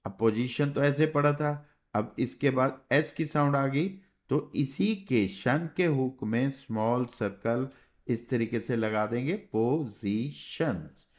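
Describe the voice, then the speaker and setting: A man teaching a shorthand class, explaining step by step in a patient way and often checking with "okay". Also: mid-range voice. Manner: slow, patient, spells out sounds and checks with "theek hai". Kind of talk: classroom lesson.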